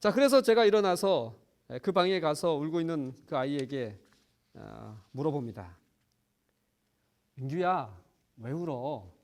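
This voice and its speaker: Guy preacher at a prayer meeting, kinda high voice, earnest story, lots of little fillers. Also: expressive, normal speed, gravelly. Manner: earnest storytelling with frequent fillers, swelling emphasis. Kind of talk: sermon, personal story.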